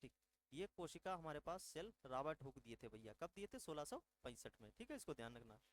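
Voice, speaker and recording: Fairly high-voiced teacher drilling exam answers. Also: male voice, big pitch swings, fairly quick, low-quality recording. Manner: repetitive, quizzing the viewers and answering himself; drills facts with reminders to memorise them. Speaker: exam-prep science teacher. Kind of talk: online exam-prep lesson.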